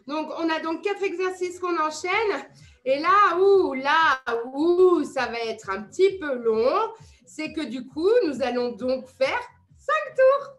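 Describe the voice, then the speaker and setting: A very high-voiced French woman leads a workout class in an echoey room, music playing behind her. She explains each move slowly and unhurriedly, counting reps and adding friendly asides. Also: lively intonation, a bit bright. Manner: upbeat coaching, counting reps, chatty asides. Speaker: fitness instructor. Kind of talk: live online workout class.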